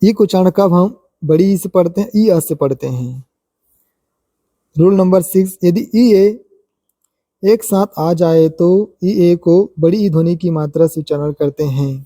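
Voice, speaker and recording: A man teaches English pronunciation in an explanatory spoken lesson, going through numbered rules and saying each example word slowly, several times over. His voice is very dark and mellow, yet also noted as high. The recording is dry and close, with no audible room sound.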